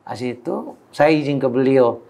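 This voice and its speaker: A man's voice: mid-range voice, measured pace, warm tone. A man from Timor, an Islamic preacher, telling his life story in a casual interview, acting out quoted dialogue and laughing often.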